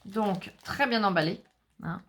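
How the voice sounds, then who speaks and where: A woman's voice: medium pitch, a little slow, background noise. A French woman chatting casually to viewers as she unboxes craft supplies, enthusiastic and talkative. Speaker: craft vlogger.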